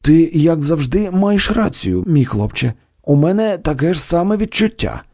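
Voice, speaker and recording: A puffed-up, hot-tempered theatre producer, voiced by a male audiobook reader, blustering in a husky, mellow voice. His pitch leaps up and down a lot, and the read is dry. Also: big pitch swings, moderate pace, no echo. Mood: fawning. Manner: blustering, shouting at times.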